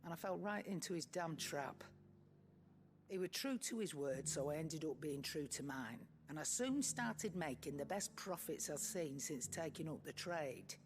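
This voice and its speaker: Blunt old trader. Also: female voice, low voice, expressive, normal speed, noisy background. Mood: wry confession. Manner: blunt, folksy, no-nonsense. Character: gruff, shrewd old female trader called Nan. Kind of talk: video game dialogue. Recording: music behind the voice.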